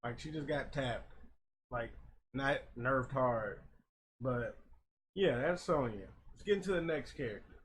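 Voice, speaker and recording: A man's voice: mid-range voice, unhurried, pauses often. A man giving informal, opinionated gaming commentary, recorded a little far from a makeshift old mic. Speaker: gaming video host. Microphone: makeshift old mic, not close. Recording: far from the mic, background noise.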